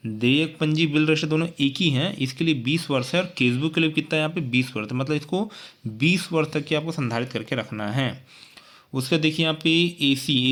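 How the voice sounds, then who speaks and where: A man's voice: medium pitch, fairly bright tone. A man teaching an exam-prep lesson, repeating points and checking in with frequent tag questions.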